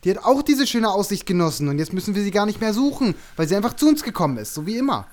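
A man's voice: high-pitched, very animated, fast talker. A man voicing a brash, dim-witted young commander and hunter in a fan radio play. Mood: cocky. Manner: cocky, blunt, bouncy. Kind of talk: amateur radio play acting.

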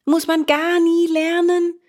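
Storybook puppet boy, naive and eager, high and pleading; a woman voices him. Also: fairly even intonation, measured pace.

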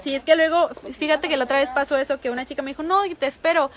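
A young Mexican woman with a notably high voice talks in a bubbly, gushing way as she does her makeup live. She chats warmly and quickly with fans, reading their comments and thanking them over and over. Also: fairly even intonation, soft background music. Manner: bubbly, effusive, chatty with fans. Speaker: makeup streamer. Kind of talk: casual live-stream chat. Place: small table in a corner of a public venue.

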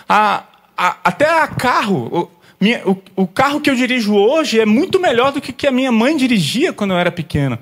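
A man in his thirties preaching as a pastor, telling lively stories about his young daughters and acting out their conversations. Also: high-pitched. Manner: lively storyteller, acts out family scenes. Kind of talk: sermon with personal anecdotes.

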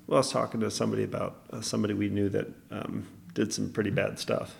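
A man's voice: fairly low pitch, flat delivery, quick pace, vocal fry. A young man co-hosting a podcast, talking in a casual, rambling way with many restarts. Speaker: podcast co-host. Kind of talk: casual chat.

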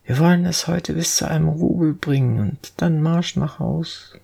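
A reader voicing a streetwise, bossy poor boy in a gravelly, breathy storybook voice. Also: medium pitch, normal speed, mellow. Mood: urging. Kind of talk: audiobook character voice.

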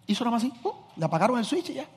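A man with a fairly high, husky voice preaching a sermon. He swings from loud, driving emphasis to low, confiding asides and acts out little scenes as he goes. The sound carries a long church-hall reverb. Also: big pitch swings, rapid-fire. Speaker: pastor.

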